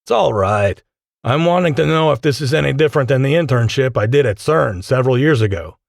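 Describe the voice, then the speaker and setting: A man's voice: mid-range voice, lively intonation, a little fast, gravelly, no echo, clean studio sound, pitched above the performer's own voice. A man voicing a jovial male scientist who jokes and speaks in a stiff, formal way.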